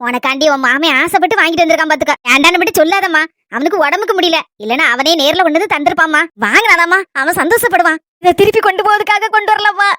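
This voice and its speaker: A tender, pleading old grandmother from a cartoon, as a woman puts her on, with a Kanyakumari Tamil lilt. The voice stays high and bright despite her age, and she speaks briskly. The recording is close and dry. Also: dry recording. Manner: pleading, soft-spoken. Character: elderly grandmother, tender and tearful. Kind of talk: cartoon voice acting.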